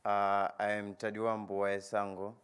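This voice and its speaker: A young man from Zimbabwe, introducing himself as a student senate nominee in a slow, deliberate way. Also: lowish voice, monotone, fairly bright tone, smooth. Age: young adult.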